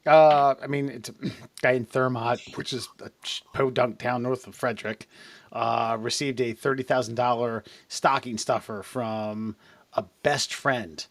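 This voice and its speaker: A man co-hosting a comedy podcast, introducing topics in a wry, meandering way. He often breaks off and restarts his sentences. His voice sits in an even middle range, dry and close to the mic. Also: medium pitch, measured pace, dry recording. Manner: rambling, trailing restarts, wry. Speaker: podcast co-host. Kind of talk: casual comedic chat.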